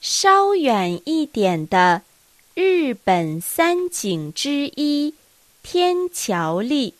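A woman teaching a language lesson, reading dialogue lines with careful, deliberate enunciation. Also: high-pitched, big pitch swings, no room sound.

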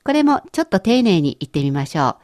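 A woman teaching a language lesson in a clear, encouraging way, explaining step by step. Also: lowish voice, very animated, fast, a little mellow, no echo, studio quality.

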